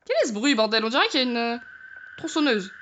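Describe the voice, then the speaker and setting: A woman's voice: a little high, lively intonation, quick pace, slight background noise. Jittery young woman playing a horror game. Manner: jokey, frightened, swears and shouts. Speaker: gamer. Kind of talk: horror game let's play commentary.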